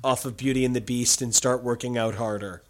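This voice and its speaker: A man co-hosting a podcast, chatting casually in an animated, jokey way with quick rants. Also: mid-range voice, over a noisy crowd. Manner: animated, ranting, jokey asides. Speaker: podcast co-host. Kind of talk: casual chat.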